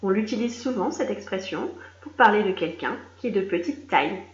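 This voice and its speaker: A woman reading a children's story aloud, expressive and speaking directly to a young listener. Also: medium pitch. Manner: slow, expressive, addressing a child. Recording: roomy, slightly dull recording.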